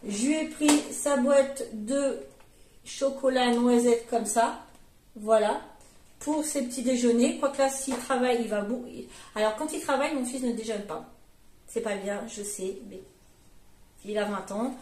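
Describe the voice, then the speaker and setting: A woman's voice: on the high side, measured pace, a little mellow, slight background noise. A woman in her forties chatting casually in a vlog, rambling along with lots of fillers and self-corrections. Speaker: vlogger, mother. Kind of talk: casual grocery haul chat. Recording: echoey room.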